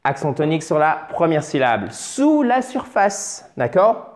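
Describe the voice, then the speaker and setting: A man's voice: a little high, big pitch swings, a little slow. A man teaching English pronunciation in French, patiently repeating and drilling words, with chatty asides and self-corrections. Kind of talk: French-language English lesson at a board.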